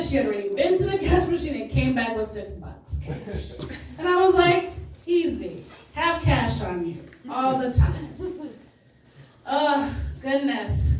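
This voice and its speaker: A woman in her thirties performing a stand-up comedy set on a theater stage, acting out characters in bursts of voices. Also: a little hiss or hum. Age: 30s. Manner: animated, acts out characters with big pitch jumps. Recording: echoey theater, voice from a distance. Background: audience laughter.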